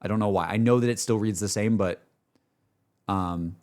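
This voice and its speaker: Speaking at a moderate pace in a lowish, slightly mellow voice, a streamer reacts to game music. He rambles in a laid-back, friends-chatting way, leaning heavily on "like" and "dude."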